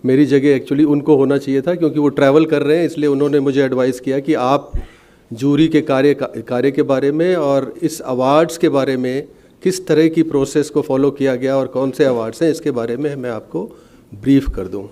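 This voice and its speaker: A middle-aged man giving a formal speech at an award ceremony, pausing often with fillers. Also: mid-range voice, fairly even intonation, dark tone. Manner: hesitant, many filler sounds, measured. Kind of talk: formal ceremony speech, Hindi mixed with English.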